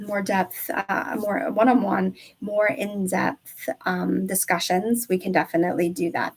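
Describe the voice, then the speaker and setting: A woman's voice: medium pitch, husky, poor audio. A woman wellness coach giving a casual live-stream talk to viewers, chatty and often tagging lines with a questioning "okay?".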